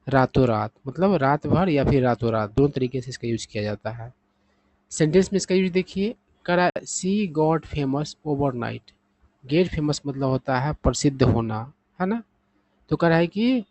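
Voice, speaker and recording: Male vocabulary teacher, slightly high pitch, dead-dry close mic, patient explaining. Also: no echo, poor audio. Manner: steady explaining, often adding "thik hai na?"; reads example sentences slowly and deliberately. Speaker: English teacher. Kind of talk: vocabulary lesson explained in Hindi.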